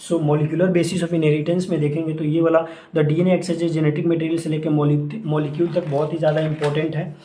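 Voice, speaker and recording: A young man runs a casual exam-prep lesson and keeps repeating what must be read. His voice sits a little high and sounds mellow rather than bright. The room around him rings with echo. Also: flat delivery, normal speed, hardly any pauses. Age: young adult. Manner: repetitive, urgent instructions; mixes English phrases into Hindi speech. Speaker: exam coaching teacher. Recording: echoey room.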